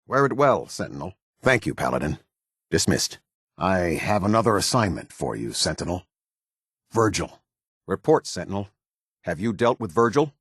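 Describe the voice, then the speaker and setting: Deep, husky military captain. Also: male voice, big pitch swings, moderate pace, a bit bright, no echo, studio quality, exaggerated voice. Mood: stern, commanding. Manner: formal, clipped military authority. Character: stern, disciplined male military airship captain. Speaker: game voice actor. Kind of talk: scripted game character dialogue.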